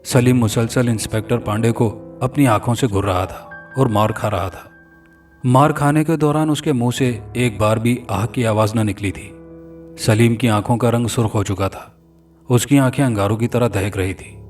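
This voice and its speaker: A man narrating a scripted horror story in an even, dramatic storytelling manner. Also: medium pitch. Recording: distant mic with faint music.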